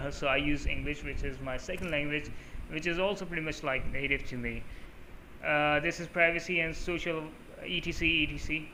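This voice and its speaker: Talking at normal speed, a man with a slightly high, sharp-toned voice runs through game settings over a screen capture for his mobile gaming channel. Urdu is his first language, and his unscripted, wandering walkthrough is packed with fillers. Poor audio adds a little hiss or hum.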